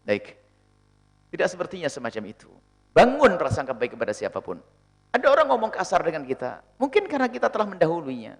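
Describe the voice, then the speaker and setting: A male preacher answers questions from his audience with lively energy. His voice sits high and swoops widely in pitch. He often slips into little acted-out quotes of the people he describes. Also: quick pace, gravelly. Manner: animated, acts out quoted speakers.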